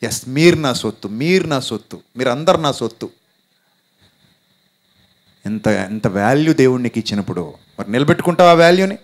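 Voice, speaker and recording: A man's voice: mid-range voice, animated, moderate pace, pauses often. A man preaching a sermon as pastor, emphatic and repetitive, urging listeners to repeat phrases aloud.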